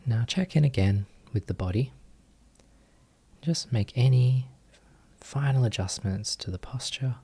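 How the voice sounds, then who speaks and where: This male meditation teacher guides listeners softly and gently, in short phrases with long pauses. His mid-range voice is creaky, with a breathy edge.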